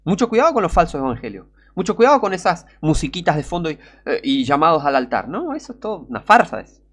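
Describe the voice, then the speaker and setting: A man with a Rioplatense Spanish accent preaching a sermon, urgent and pleading, sometimes breaking into shouts. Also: on the high side, very animated, fast.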